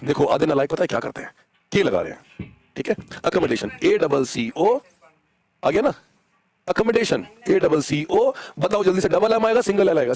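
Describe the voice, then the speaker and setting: A young man with an Indian accent and a high voice teaches a live online English class. He coaxes his students along and spells words out letter by letter.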